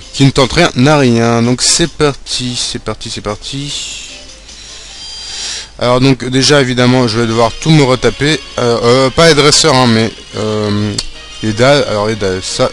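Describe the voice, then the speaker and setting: A young man commenting on his own game playthrough, chatty and excitable, swearing and shouting at the screen when things go wrong. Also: medium pitch. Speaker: let's play gamer.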